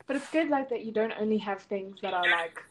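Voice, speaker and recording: A young woman, co-hosting a relaxed podcast chat, upbeat and quick to laugh, full of "like". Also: mid-range voice, very noisy. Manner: giggly, upbeat, filler-heavy. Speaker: podcast co-host. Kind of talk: casual chat.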